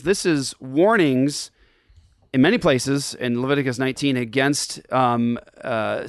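In a casual Bible teaching chat, a podcast host raised in Japan walks listeners through a passage in response to their questions, full of ums and false starts. His voice is mid-range, and the clean studio recording has no room sound.

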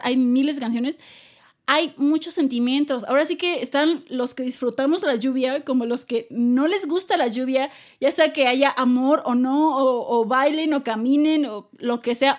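Woman co-host, high bright pitch, playful and joking. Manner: playful, jokes, laughs often. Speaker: podcast co-host. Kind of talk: casual chat about K-pop.

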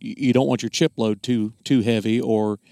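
A man giving a casual technical explanation as a craftsman, plainspoken and folksy, often halting and repeating words. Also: medium pitch, fairly even intonation, warm tone, no room sound, clean studio sound. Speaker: gunsmith explaining his craft.

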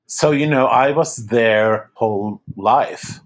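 A chatty man from Norway talks as a podcast guest. He laughs easily, and his voice sits at a middling pitch. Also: slow. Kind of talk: casual interview chat.

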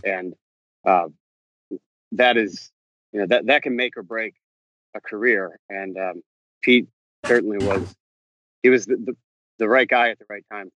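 A man with a fairly low, fairly bright voice answers interview questions as a visiting novelist while pacing outdoors on a campus. His answers are halting, full of restarts and self-corrections. There's no echo, but the audio is dull.

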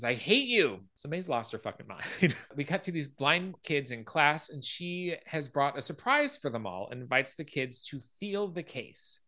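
A man's voice: mid-range voice, bright, forceful tone. A man hosting a podcast, casually retelling a film scene by scene and acting out quoted lines. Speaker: podcast host.

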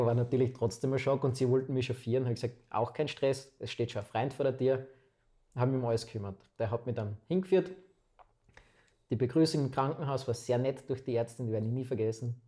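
A man's voice: medium pitch, a little fast. A man in his twenties with an Austrian accent, telling his own story as a guest in a casual, chatty interview. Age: 20s. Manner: chatty, relaxed anecdotal storytelling.

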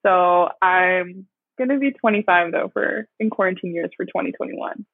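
A woman in her mid-twenties chats and praises her guest in an easy, affirming way. Her voice is a little breathy and comes through a thin, tinny phone line. The sound is dry. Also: fairly low pitch, normal speed, no room sound. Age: 20s. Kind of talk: casual chat.

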